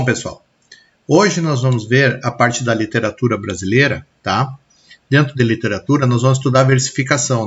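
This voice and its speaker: A man's voice: medium pitch, fairly bright tone, husky. Brazilian man teaching a dull lo-fi lesson. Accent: Brazilian Portuguese. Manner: explanatory, checks in with frequent "tá?" and "ok?". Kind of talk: recorded lesson on poetry.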